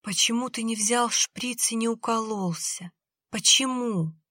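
A woman's voice: on the high side, measured pace, bright, forceful tone, no echo, clean studio sound, voice pushed up. A woman voicing a dying young woman who speaks weakly and bitterly in a half whisper. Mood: accusing. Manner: weak, breathy, half-whispered.

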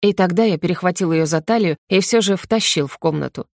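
A woman narrating a first-person audiobook in a steady, even storytelling manner. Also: fairly low pitch, fairly quick, no echo, clean studio sound.

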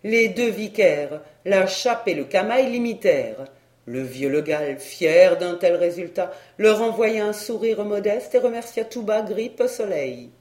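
A woman narrating a classic French tale as an audiobook, reading in an expressive, theatrical manner. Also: medium pitch, a little slow. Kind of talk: storybook narration. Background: soft instrumental music.

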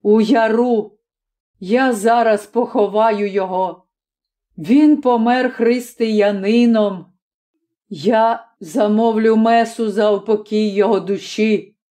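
A woman reading as a grim middle-aged father gives slow, hard orders in a dark, mellow tone. He sounds cold and unyielding. It is a storybook figure. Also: a little high, fairly even intonation. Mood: stern.

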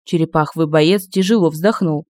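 A man narrating an audiobook in a lively, expressive reading. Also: fairly high pitch, moderate pace, dry recording.

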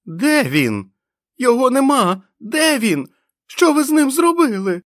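A man's voice: mid-range voice, slow pace, dry recording, clean studio sound, voice pushed up, natural voice. A man voicing an ecstatic, radiation-burned male madman who raves, shrieks and pleads. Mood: agonized shrieking.

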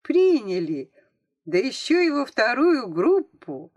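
A woman voicing a shy little schoolgirl in an audiobook, speaking quietly and hesitantly. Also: fairly low pitch, sing-song, moderate pace, no echo, dull audio. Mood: delighted.

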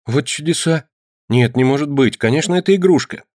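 A man's voice: on the high side, brisk, darkish tone, no room sound, clean studio sound, voice pushed up, close to an everyday voice. A man reading aloud, voicing an eager, easily amazed young boy. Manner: eager, exclaiming. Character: excited wide-eyed young boy.

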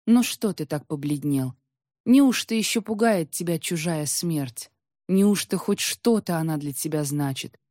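A woman's voice: deep voice, animated, a little slow, warm tone, no room sound, studio quality. A woman voicing a proud, bitter young tsaritsa who speaks coldly and insistently in a storybook reading. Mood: mocking. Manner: cold, prickly, insistent.

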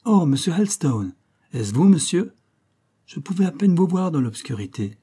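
A man voicing an older innkeeper who speaks in a deferential, pleading way, pitched clearly above his own reading voice. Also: sing-song, moderate pace, warm tone. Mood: startled.

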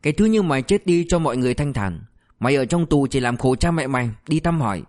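A man's voice: medium pitch, expressive, quick pace, darkish tone, lightly acted. A man voicing a ruthless male police officer who berates a suspect with harsh, relentless abuse. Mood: contemptuous.

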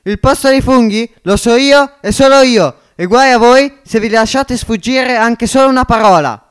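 Guy doing an excitable scheming poor worker, bouncy voice, smooth tone. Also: medium pitch, normal speed, lightly acted. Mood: shouting. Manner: eager, blustering, conspiratorial. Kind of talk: amateur audiobook reading.

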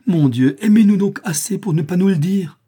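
A man's voice: high-pitched, moderate pace, dark tone, breathy edge, voice pushed up. A man voicing a distressed young noblewoman in a read-aloud story, pleading and impassioned. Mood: exasperated.

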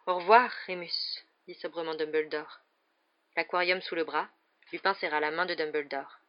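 A reader giving steady, scripted narration of a storybook chapter. The voice sits in a middle range, and the recording has a slightly dull, lo-fi sound. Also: medium pitch. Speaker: audiobook reader.

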